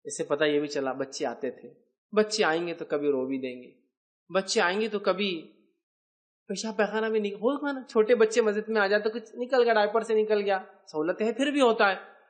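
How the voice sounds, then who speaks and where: A man. He acts out quoted lines in shifting tones and keeps asking his listeners whether they follow. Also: high-pitched. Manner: asks the audience rhetorical check-ins. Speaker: preacher. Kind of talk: Islamic sermon on raising children.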